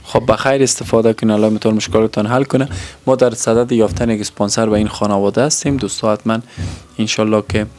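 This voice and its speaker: A man, a charity worker who asks families about their hardships in a polite, soft-spoken way, often pausing with fillers. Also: fairly low pitch, fairly even intonation. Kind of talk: gentle interview questions.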